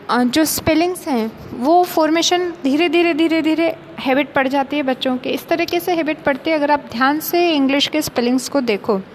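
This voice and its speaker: A young woman teacher gives a patient lecture, mixing in English terms. Her voice sits high, and faint noise hums behind her. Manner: patient, explains with everyday examples. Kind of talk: explanatory lecture in Hindi mixed with English terms.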